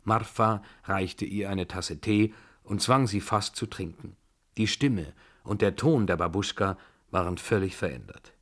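A man giving a measured, expressive audiobook reading of a novel. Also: fairly low pitch. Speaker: reader.

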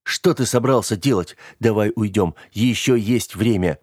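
A frightened young man protesting and begging, his voice pushed higher than its usual low tone and a little louder, heard dry and up close, as a man reads him in a storybook. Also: moderate pace, slightly rough, no room sound. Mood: alarmed pleading. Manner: pleading, protesting. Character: young man, alarmed pleading narrator-hero.

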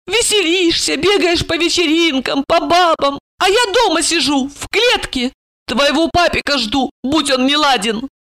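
A woman voicing a drunk, frightened woman who wails in a shrill, hysterical way, in a storybook reading. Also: measured pace, fairly bright tone.

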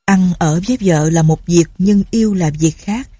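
A woman narrating a story in a calm, even reading voice. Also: lowish voice, normal speed, slightly rough, dry recording.

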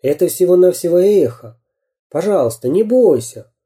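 A man's voice: sits high, animated, normal speed, dark tone, pitched above the performer's own voice. A man voicing a small resourceful iron man in a storybook, speaking urgently and reassuringly.

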